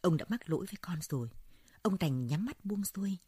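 A woman narrating a folk story in a measured, dramatic way. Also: on the low side, expressive, warm tone, slightly rough, no echo.

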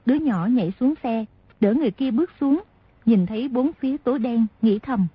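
A woman narrating a martial-arts novel as an audiobook, telling the story at a steady pace. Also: a little high, a little fast, breathy edge, dry recording. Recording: dry, dull lo-fi audio.

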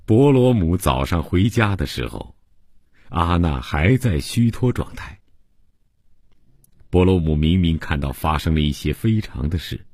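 Male audiobook reader, very low husky voice, dry studio sound, steady and measured. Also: no room sound. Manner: measured, even storytelling delivery. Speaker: audiobook narrator. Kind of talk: scripted novel narration. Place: radio studio. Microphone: close studio microphone.

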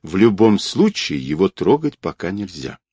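A man's voice: low-pitched, big pitch swings, moderate pace, darkish tone, husky, no echo, heavily acted. A man reading a cold scheming woman boss. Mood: brooding. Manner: curt, commanding.

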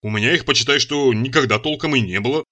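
A man's voice: mid-range voice, quick pace, pushed and bright. A man voicing a simple-minded burly male slave, a former miner, who talks in a meek, mumbling, artless way.

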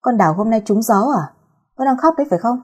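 A coarse, scornful middle-aged woman grumbles and hurls curses at a neighbor. Her voice is mellow and slightly husky under the harsh words, as a woman puts her on. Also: mid-range voice, lively intonation, brisk. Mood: scolding. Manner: grumbling, cursing, scolding.

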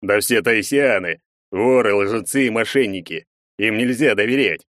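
A man's voice: on the low side, moderate pace, a bit bright, no echo, clean studio sound, close to an everyday voice. A man voicing a burly, hot-tempered half-dwarf young man in an audiobook, indignant and blustering. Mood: angry. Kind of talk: audiobook narration.

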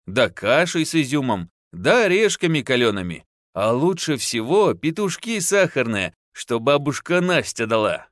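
A man's voice: mid-range voice, very animated, moderate pace, a bit bright, dry recording, clean studio sound. A man voicing a small peasant boy eagerly listing treats.

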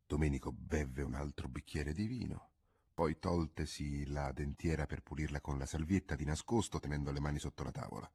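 A man narrating a classic novel as an audiobook, measured and expressive. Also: a bass voice, slightly rough. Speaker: audiobook reader.

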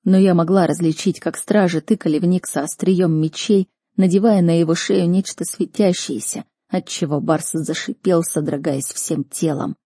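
Женщина читает аудиокнигу, глухой тёмный голос. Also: female voice, on the low side, fairly even intonation, normal speed, few pauses, mellow, slightly rough, no room sound, clean studio sound. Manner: emotional dramatic reading. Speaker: audiobook narrator. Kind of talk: first-person fantasy audiobook narration.

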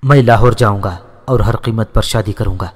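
Man voicing a defiant young son, firm and steady, long reverb. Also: fairly low pitch, lightly acted.

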